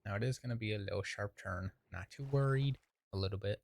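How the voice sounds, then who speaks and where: A young man with a low, gravelly voice talks his way through a building game. He rambles casually to himself and lets out sudden exclamations when things go wrong. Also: fast talker. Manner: rambling, self-talking, exclaims at setbacks. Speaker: gaming video creator. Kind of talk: casual gameplay commentary.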